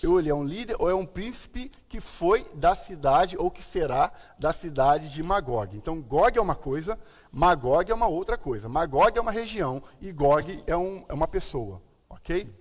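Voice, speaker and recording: A Brazilian man speaks with a slushy lisp and a slightly high-pitched voice. He explains scripture informally, often checking that listeners follow. Long reverb surrounds his voice like a hall. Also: sing-song, moderate pace. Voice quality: lisp from a tied tongue, slushy s. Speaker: pastor and live-stream host. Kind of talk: informal Bible teaching on a live stream.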